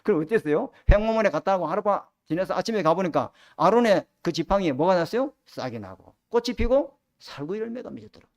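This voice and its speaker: A middle-aged man delivers a sermon. His pitch rises and falls in a lively way, and he keeps turning to the congregation with rhetorical questions. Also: quick pace, few pauses. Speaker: pastor.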